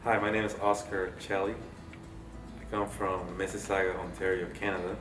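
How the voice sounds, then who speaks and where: A man's voice: low-pitched, level tone, moderate pace. A man from Peru, briefly introducing himself in an employee interview. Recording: roomy, distant mic, music behind.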